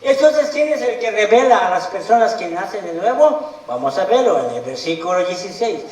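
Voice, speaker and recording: A man's voice: sits high, sing-song, a little fast, darkish tone, distant mic. A man preaching a sermon to a Bible study group, speaking emphatically and putting questions to the congregation. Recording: echoey room, voice from the mic.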